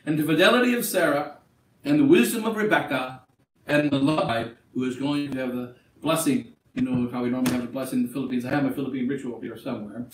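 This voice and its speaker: A man's voice: medium pitch, fast talker. Preaching man, echoey chapel. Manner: declamatory preaching, rising and falling, with quieter practical asides. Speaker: bishop. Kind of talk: wedding sermon. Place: small chapel at an altar, indoors. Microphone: far camera. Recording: echoey room from a distant camera, faint hiss.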